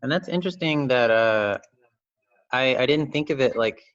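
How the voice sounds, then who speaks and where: A young man hosting an online workshop over a video call, talking slowly with many fillers and restarts. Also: mid-range voice, animated, fairly bright tone, smooth. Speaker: workshop host. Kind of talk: casual online discussion. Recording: dull lo-fi video call audio.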